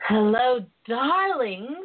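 A woman's voice: on the high side, sing-song, extremely slow. A woman with a Southern US accent hosting a radio talk show, chatting in a casual, bawdy, playful and sassy way. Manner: playful, sassy, calls listeners pet names. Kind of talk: casual, bawdy girls'-night chat. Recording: muffled internet phone-in radio sound.

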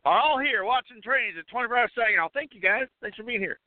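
A man hosting a casual live call-in show while roving outdoors at an event, talking with many fillers and restarts, coughing and clearing his throat now and then. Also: extremely high pitch, expressive, fast, no room sound. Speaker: host. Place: outdoors at a railway depot event. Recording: tinny phone line, dry.

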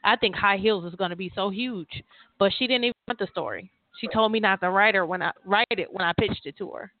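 A woman's voice: mid-range voice, a little fast, no echo. A woman who leads a group of writers, talking over a phone line from a laptop with headphones, rambling and restarting as she calls her listener girl. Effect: heard over a phone line. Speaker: author and publisher leading a writers' call. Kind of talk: casual call with a writer. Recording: tinny, dry call audio.

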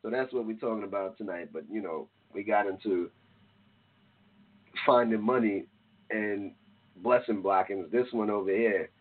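A man co-hosting a casual talk show, animated and profane, often laughing and breaking into shouts. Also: lowish voice, moderate pace, pauses often. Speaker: podcast co-host. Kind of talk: casual chat show banter. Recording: tinny phone-like line.

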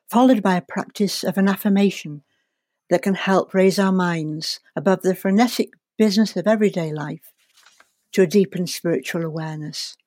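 A woman leading a guided relaxation and visualization in a calm, soothing, deliberate way, leaving long pauses. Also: medium pitch, no room sound, clean studio sound. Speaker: guest leading a guided meditation.

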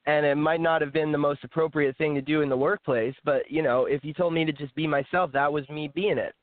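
A man's voice: a little high, steady tone, a little fast, no room sound. Young guy chatting frank and easy, sounds like a dry phone line. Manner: frank, chatty, with small laughs. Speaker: author and guest. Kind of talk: casual interview talk.

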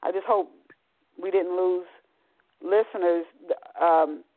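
A woman's voice: lowish voice, fairly even intonation, slow, dry recording. A woman hosting a talk radio show who chats, often restarts her sentences, and reads a novel aloud. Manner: chatty, many restarts. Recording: tinny phone line, dry.

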